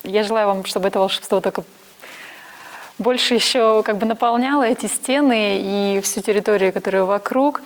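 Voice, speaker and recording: A woman's voice: mid-range voice, normal speed. A woman hosting an interview, asking questions and thanking guests in a courteous, formal manner. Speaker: interviewer, host.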